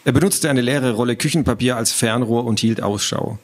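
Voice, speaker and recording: A man hosting a casual chat who reads aloud from his own book in a lively storytelling manner. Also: mid-range voice, a little fast. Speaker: host.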